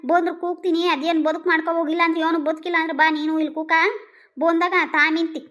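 In a rural comedy sketch, a woman plays a hard-of-hearing village mother-in-law, complaining constantly. Her voice is very high and flat in pitch, and she speaks in rapid-fire bursts.

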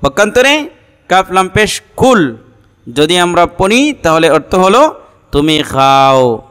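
A Bangladeshi man teaching correct Quran pronunciation, explaining slowly and deliberately and drawing out the Arabic sounds. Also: sits high, sing-song, a bit bright, clear, resonant tone, big-room sound. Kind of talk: Quran pronunciation lesson with chanted recitation.

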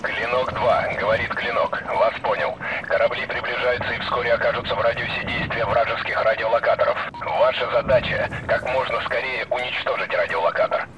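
An actor playing a stern, matter-of-fact military command officer, giving a formal briefing in a game. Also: male voice, mid-range voice, natural voice. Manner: formal, flat delivery. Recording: very loud aircraft and radio noise.

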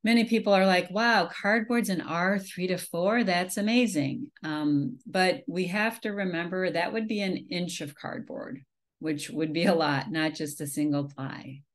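With a low-leaning voice and an unhurried pace, this Minnesota woman presents slides about beekeeping over a video call, captured by her webcam. She speaks casually, often using fillers and restarting sentences.

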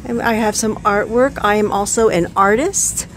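With faint music playing behind her, a woman in her fifties chats at a normal speed in a medium-pitched, slightly bright voice. She's vlogging casually about her antique booth items, often saying um and correcting herself, first in the living room, then in the car and the antique mall.

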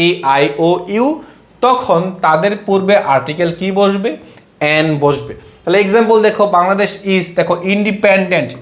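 A male tutor with a fairly high voice gives an exam-prep grammar lesson. He keeps asking questions and answering them himself, repeating each rule. The room around him is echoey. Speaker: English grammar teacher.

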